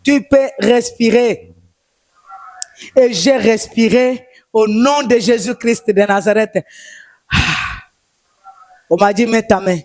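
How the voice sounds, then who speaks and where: A woman's voice: a little high, slow, long pauses, darkish tone, no room sound. A woman prophetess with a Congolese French accent, giving a fervent testimony in a repetitive, sing-song preaching cadence.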